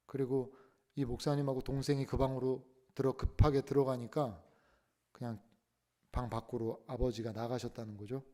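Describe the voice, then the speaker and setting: A male pastor preaching a sermon, telling a story that swings between hushed tones and loud outbursts. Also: mid-range voice, flat delivery, moderate pace. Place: church sanctuary.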